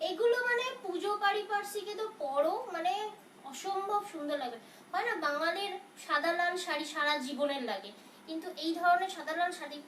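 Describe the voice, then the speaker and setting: A high-voiced woman chats through a live saree sale. She is soft-spoken, reassuring, and answers questions as they come in. Her voice echoes around a room and sounds set back from the mic. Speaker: saree seller on a live stream. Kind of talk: casual live sales talk. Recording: roomy, from a distance, faint noise.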